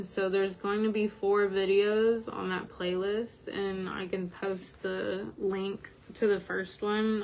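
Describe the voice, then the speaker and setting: Woman, informal online group host. Tired, slightly croaky, very slow and even, over background noise. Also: mid-range voice. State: tired from medication. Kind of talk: informal livestream talk.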